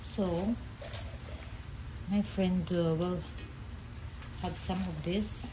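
Woman vlogger, unhurried kitchen chat to camera, lowish voice, kitchen noise in the background. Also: fairly even intonation. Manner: chatty, unhurried, talks to viewers while cooking. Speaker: cooking vlogger. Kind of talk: casual cooking chat. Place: home kitchen at the stove. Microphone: camera nearby, hands-on cooking.

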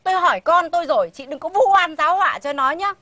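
Brief: older sharp-tongued Northern Vietnamese mother-in-law, fairly high voice, nagging and sarcastic, sitcom. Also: fast, no room sound. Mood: indignant. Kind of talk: sitcom acting.

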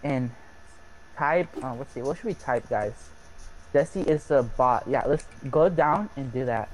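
A man's voice: mid-range voice, a little slow, a little hiss or hum, low-quality recording. A man casually bossing a friend around during a game, teasing and giving orders over a voice call. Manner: bossy, teasing.

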